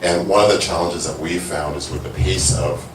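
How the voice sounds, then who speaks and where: A hesitant man asks a question from the audience, his voice extremely deep. He is picked up from far away in an echoing room, with clear background noise around him. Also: fairly even intonation, moderate pace. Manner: hesitant, many fillers. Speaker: audience member asking a question. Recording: distant mic in echoey hall, noise.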